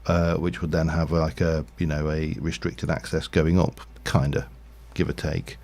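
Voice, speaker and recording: Low gravelly man streaming. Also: flat delivery, unhurried, a little mellow. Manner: rambling, thinking aloud with frequent fillers. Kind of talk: casual Minecraft livestream commentary.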